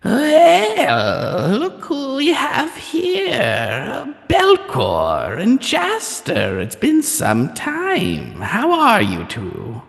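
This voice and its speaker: A man voicing an old crone shopkeeper in an old hag manner, sly and coy with drawn-out phrasing, in a tabletop game. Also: extremely high pitch, huge pitch swings, vocal fry, fairly bright tone, long reverb tail, voice pushed up, heavily acted. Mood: sly, welcoming. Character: old crone shopkeeper, shuffling, cloaked, sly, many-voiced creature.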